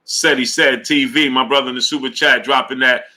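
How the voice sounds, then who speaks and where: A sports show host with a bright, forceful, steady mid-range voice runs a casual boxing live stream at a brisk pace. He greets chat viewers by name, keeps checking in with his audience, and works out his points aloud through fillers and restarts.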